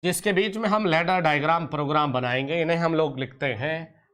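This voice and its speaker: Delivering an online exam-prep lecture, this man has a clean, fairly bright voice that sits on the high side. He's affectionate like a teacher, addressing students as "beta" and "pyare bachche," scolding and coaxing in turn, and stretching key terms out slowly.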